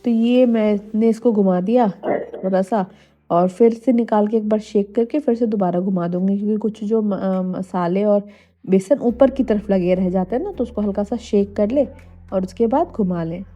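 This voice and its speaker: A young woman from India, slightly hoarse from a cold, chatting to viewers in a casual cooking vlog voice-over. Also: medium pitch, normal speed, mellow, dull audio. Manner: chatty, addresses viewers directly. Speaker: homemaker vlogger. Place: voice-over, not recorded in the pictured kitchen. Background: faint music.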